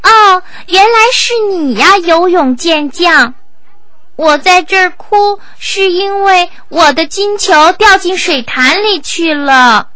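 A woman's voice: very high voice, animated, takes it slowly, bright, forceful tone, no echo, full character voice. A woman playing a girlish, tearful young princess in a children's fairy tale, speaking plaintively.

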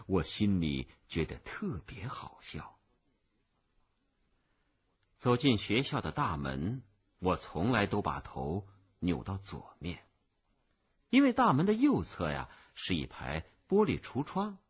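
A man narrating a children's story aloud in an animated, expressive way, on a muffled lo-fi recording. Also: husky. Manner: animated, expressive storytelling with big pitch swings.

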